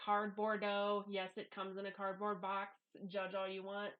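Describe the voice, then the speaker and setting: A woman's voice: mid-range voice, monotone, measured pace, narrow, tinny audio. Casting: middle-aged woman with a mid-range voice, informal confessional vlogger, plain-spoken and self-deprecating, speaking into a headset at home. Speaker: YouTube vlogger. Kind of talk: casual confessional monologue to camera. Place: small home office. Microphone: headphones used as microphone.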